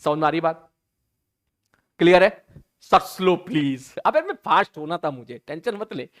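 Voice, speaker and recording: A man teaching an online physics lesson, talking casually to students, often checking whether they follow and slowing right down to stress key sentences. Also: a little high, very animated.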